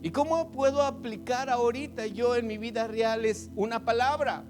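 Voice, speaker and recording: Mexican male pastor, lively sermon delivery, higher-pitched voice, music bed behind. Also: moderate pace. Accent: Mexican Spanish. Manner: animated preaching, acting out imagined voices of congregants.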